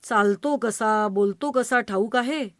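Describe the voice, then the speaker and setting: A woman's voice: fairly high pitch, takes it slowly, no echo, studio quality. Woman doing a mischievous old grandpa. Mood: fond. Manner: jokey, rhyming banter.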